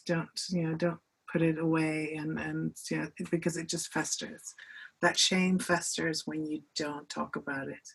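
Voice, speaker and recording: A woman's voice: low-pitched, gravelly, breathy edge. A woman speaking as a guest in a conversation, talking earnestly and openly with frequent restarts. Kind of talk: candid conversation.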